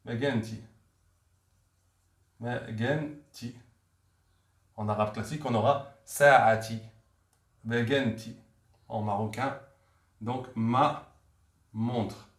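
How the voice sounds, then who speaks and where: A man's voice: medium pitch, steady tone, unhurried, long pauses. A man teaching a vocabulary lesson, repeating each word several times so learners can follow. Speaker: language teacher. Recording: echoey room.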